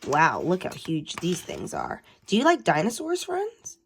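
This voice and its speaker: Woman, host, children's read-aloud, animated, lowish pitch, asks questions. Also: a little slow, vocal fry, slight background noise. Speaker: host reading a storybook aloud.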